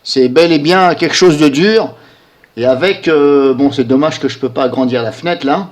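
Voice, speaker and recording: A man's voice: fairly high pitch, moderate pace. A man with a slightly raised voice, commenting casually as he scrolls through product reviews on screen. He sounds incredulous and chatty, tacking little filler tags onto his sentences and throwing out rhetorical questions.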